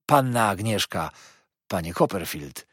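A man's voice: deep voice, lively intonation, measured pace, a bit bright, slightly rough, dry recording, clean studio sound, exaggerated voice. A man voicing a sly, falsely humble young male clerk who talks in a sugary, wheedling, obsequious way. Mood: fawning.

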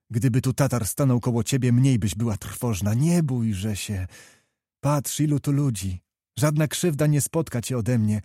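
A man's voice: medium pitch, dark tone, dry recording, studio quality, natural voice. A man voicing a fiery young knight who pleads earnestly and passionately.

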